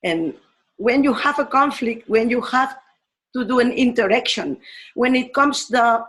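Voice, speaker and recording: A woman from Spain, a teacher giving a slow, thoughtful talk on education, pausing often and restarting her phrases. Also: a little high, fairly bright tone, low-quality recording. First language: Spanish.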